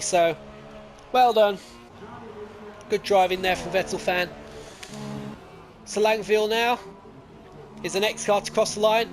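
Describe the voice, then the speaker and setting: A high-pitched sim racing league commentator calls a simulated motor race live, excitable, his voice jumping up at crashes and overtakes. He wanders into rambling asides and corrects himself along the way, with clear music underneath.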